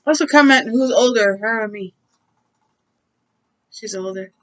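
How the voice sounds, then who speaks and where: A woman's voice: mid-range voice, measured pace. A woman co-hosting an unboxing vlog, chatting casually in a blunt, teasing way. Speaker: co-host. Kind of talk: casual chat.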